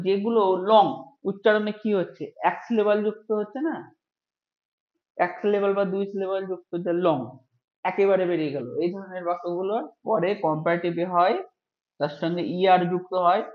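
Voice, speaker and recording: A man with a high-pitched voice teaches a grammar lesson, walking through each rule step by step. He stretches out the example words slowly so they can be heard clearly. The recording is echoey and dull, like a lo-fi room recording.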